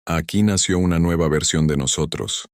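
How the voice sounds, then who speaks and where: Resilient mother in a storybook reading, very deep, dry sound, as a man reads her lines. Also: normal speed, no echo, close to an everyday voice. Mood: heartfelt.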